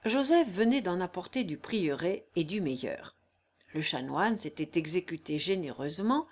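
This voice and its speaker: A woman narrating a classic novel aloud in a measured, expressive storytelling manner. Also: mid-range voice.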